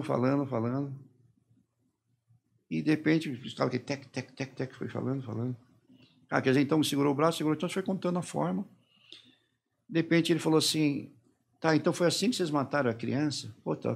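Gravelly middle-aged man recounting his ordeal. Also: mid-range voice, a little mellow. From Brazil. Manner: halting retelling, quoting his interrogators and himself. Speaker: podcast guest. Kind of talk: personal testimony in a podcast interview.

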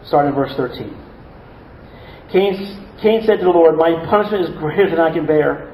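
A man's voice: a little high, moderate pace, dull audio, a little hiss or hum. Earnest male pastor in an echoey church. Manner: earnest, with repeated words and rhetorical asides. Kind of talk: sermon.

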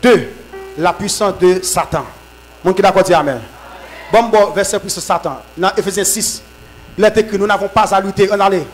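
A man preaches a sermon. His voice sits high for a man. He swings from shouted, fervent bursts to lower, quieter teaching. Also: normal speed, faint music behind, low-quality recording. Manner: shouts in fervent bursts with repeated amens, drops low when teaching. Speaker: apostle preaching at a conference.

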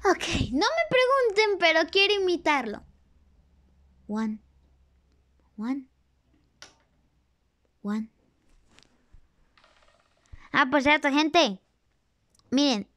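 A YouTuber in a put-on cartoonish character voice gives excited reaction commentary, repeating exclamations while watching and chatting with the audience. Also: very high voice, unhurried. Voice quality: a put-on cartoonish character voice, not the speaker's real one. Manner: chatty with the audience, laughs at own slips. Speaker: YouTuber reacting to an animated series.

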